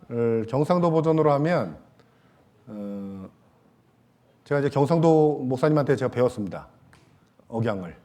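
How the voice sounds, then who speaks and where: A male pastor giving a Sunday sermon in a church, talking casually and joking with the congregation, with many soft fillers and trailing pauses. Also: mid-range voice. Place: church sanctuary.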